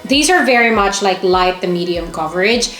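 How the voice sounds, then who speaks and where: A woman's voice: mid-range voice, expressive, normal speed, a bit bright. A woman vlogger chatting casually and enthusiastically to camera as she shows things off in a shopping haul. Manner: chatty, enthusiastic, exclaiming over items. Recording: echoey room with music underneath.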